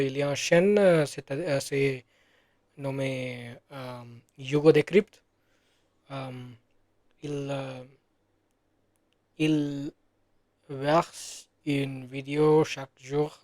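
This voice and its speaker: Slow, hesitant man, dry close sound. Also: fairly high pitch, mellow, no echo. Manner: hesitant, many fillers and self-corrections. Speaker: French learner. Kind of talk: casual spoken practice monologue.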